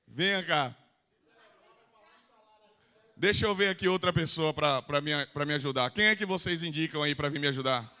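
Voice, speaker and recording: A man's voice: a little high, a little slow, long pauses, bright, forceful tone, clear, resonant tone. A Brazilian man with a Bahian accent, a psychoanalyst giving a live lecture in a council chamber, playfully teasing the audience and calling up volunteers. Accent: Bahian Brazilian Portuguese.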